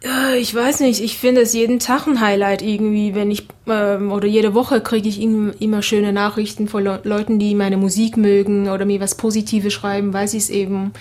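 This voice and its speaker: A singer appearing as a guest gives casual interview answers in a flat, even voice of medium pitch. Her first language is Creole, and she talks at normal speed with few pauses, relaxed but hesitant with many fillers.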